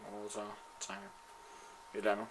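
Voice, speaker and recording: A man giving excitable live commentary while playing a shooter game, swearing and trash-talking his opponents. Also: fairly low pitch, background noise.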